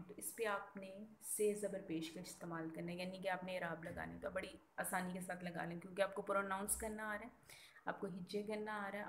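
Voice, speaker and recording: A woman's voice: medium pitch, a little hiss or hum. A woman teaching a recorded Urdu school lesson, explaining patiently and spelling words out letter by letter. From Pakistan.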